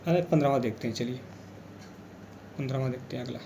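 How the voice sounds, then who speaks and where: A man's voice: mid-range voice, fast talker, creaky, warm tone, slight background noise. A man teaching an exam revision lesson, explaining patiently and repeating key words as he goes.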